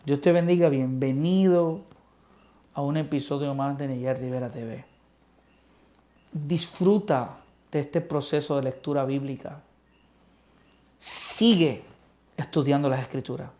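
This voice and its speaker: A man teaching a Bible study like a sermon, swinging between loud emphasis and soft near-whispers. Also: medium pitch, a little slow, pauses often.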